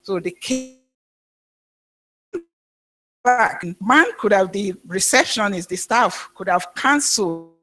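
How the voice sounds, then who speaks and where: A woman pastor preaching a sermon, telling a story in a halting way with frequent restarts. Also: medium pitch, animated, pushed and bright.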